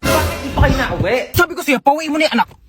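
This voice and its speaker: A woman's voice: high-pitched, expressive, very fast. A woman playing a nagging, threatening mother. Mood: scolding. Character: stern scolding mother, middle-aged woman. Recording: music playing under the voice.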